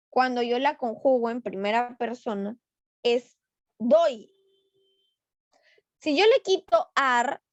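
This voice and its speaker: A woman teacher with a high, light voice explains a review lesson at an unhurried, deliberate pace. She stresses syllables and quizzes a student, heard through a dull, lo-fi online class recording in a dry, close room. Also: dry recording. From Peru.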